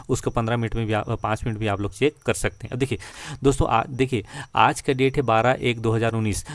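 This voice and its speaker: A man's voice: mid-range voice, no room sound. A man giving a screen-share lesson on trading charts, repeating himself and often calling his viewers friends. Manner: repetitive, addresses viewers as friends. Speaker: stock trading teacher.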